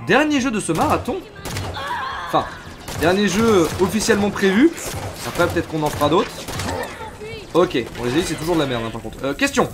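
A man streaming a game live, chatting casually and reacting loudly as he plays. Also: high-pitched, sing-song, fairly quick, pauses often. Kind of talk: live gameplay commentary.

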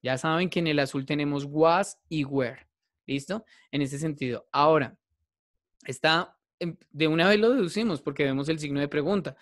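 A male teacher leads an online class, walking his students through each step and stopping often to check they follow. His voice sits a little high, and the sound is dry, with no room around it. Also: moderate pace, dry recording. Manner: patient, repetitive, checks in with "¿listo?". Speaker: English teacher.

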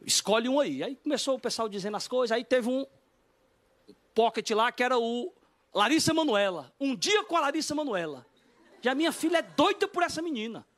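A middle-aged man telling a comic story as a talk show guest, animated and quick to jump between loud bids and low asides.

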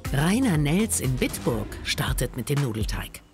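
A documentary voice-over delivered in a lively, playful scripted style. The pitch moves up and down with a lot of energy. Music plays beneath the narration. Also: normal speed.

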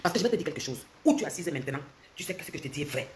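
An expressive social media commentator in her forties with a Cameroonian French accent rants on a livestream, the phone close to her in a bright room indoors. There's slight background noise. Fast and combative, she shifts from loud mockery to low, intense lecturing.

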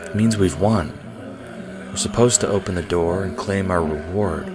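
Man doing an emotionless robot troll girl in a deep, flat monotone. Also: moderate pace, a crowd in the background, close to an everyday voice. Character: mechanical female troll, emotionless.

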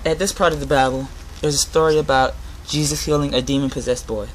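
Young man, mid-range voice, earnest halting delivery, informal sermon and scripture reading, close device mic in a garage. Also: mid-range voice, fairly even intonation, noisy background. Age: young adult. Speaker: inspirational speaker giving a Bible talk. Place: inside a garage. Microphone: device camera at close range.

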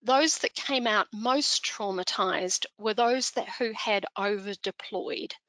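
An older woman with a clear-cut Kiwi accent presents over a video call in a measured, explanatory way. Her voice is bright and forward, at a middle pitch. The headset gives a close, dry sound with little room echo. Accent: New Zealand. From New Zealand. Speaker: speaker on disaster chaplaincy. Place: indoor room.

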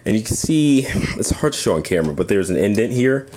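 Speaking fast and very animatedly in a very low-pitched voice, a male toy reviewer gives a casual hands-on product demo indoors at a tabletop display. Clear background noise and handling clicks are audible.

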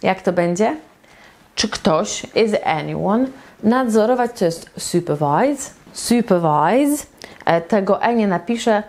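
Lady teaching english really slowly, patient, says every phrase a few times, marker on a whiteboard. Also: mid-range voice, mellow. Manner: slow, patient, repeats example phrases several times. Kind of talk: slow explanatory lesson at a whiteboard.

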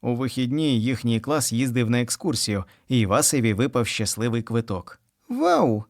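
A man narrating a children's story in an expressive storytelling manner. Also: mid-range voice, normal speed, dry recording, clean studio sound. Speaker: audiobook narrator.

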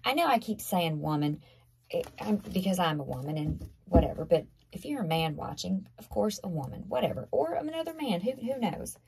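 A woman with a Southern US accent doing a chatty, emphatic tarot reading, hoarse from losing her voice. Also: on the low side, expressive, moderate pace, darkish tone, a little hiss or hum. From Southern United States. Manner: chatty, emphatic, repeats herself. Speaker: tarot reader. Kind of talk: casual tarot reading to camera.

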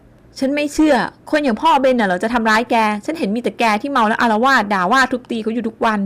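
A stern older father in a storybook, gruff and scolding, as a woman narrator voices him. His voice is raised and firm. He sounds weary under the anger. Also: medium pitch, fast, darkish tone, lightly acted.

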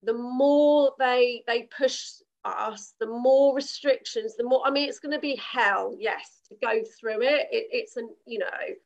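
A woman's voice: fairly high pitch, unhurried, gravelly, hardly any pauses, lo-fi sound. A woman co-hosting an earnest casual discussion over a video call, speaking emphatically with frequent restarts. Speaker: co-host.

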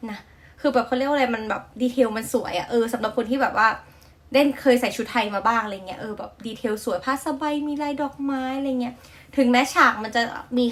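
A young woman with a Thai accent hosting a casual reaction vlog, chatty and gushing, with many fillers and polite endings. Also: a little high. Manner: polite feminine sentence endings. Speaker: reaction video host.

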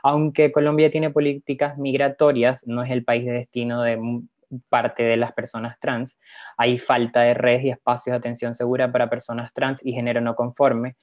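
A man narrating a slide presentation in a measured, hesitant way, pausing with fillers, recorded as a lo-fi voice-over. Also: mid-range voice, flat delivery, no room sound. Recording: dull, lo-fi, dry voice-over.

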